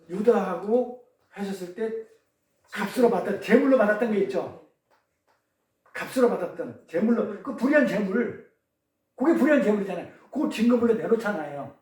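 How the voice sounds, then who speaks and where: Male pastor, high voice, lively call-and-response sermon, distant mic, roomy echo. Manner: questions the congregation, call-and-response; tells pun riddles. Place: church service. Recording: echoey room, distant mic.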